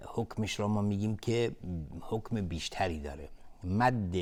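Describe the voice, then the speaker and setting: A man teaching Quran recitation in a televised lesson, explaining patiently step by step and slowly drawing out recited examples. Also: lowish voice, a little mellow.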